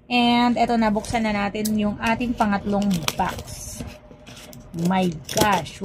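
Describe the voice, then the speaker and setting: A woman chatting casually to her viewers as she unboxes toy figures, switching between Tagalog and English. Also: medium pitch. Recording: clear background ambience noise.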